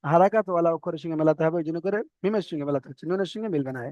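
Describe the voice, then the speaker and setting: High-voiced man spelling out a slow lesson. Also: a little mellow, dry recording, dull audio. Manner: slow, drawn-out letter-by-letter spelling with repeated checks. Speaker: Quran reading teacher.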